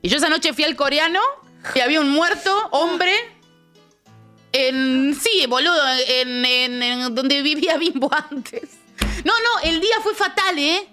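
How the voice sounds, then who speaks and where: A woman's voice: high voice, measured pace, pushed and bright, faint music behind. A woman with an Argentine accent co-hosting a radio show, telling a story in an angry, vulgar, ranting casual chat. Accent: Argentine Rioplatense Spanish. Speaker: radio co-host. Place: radio studio.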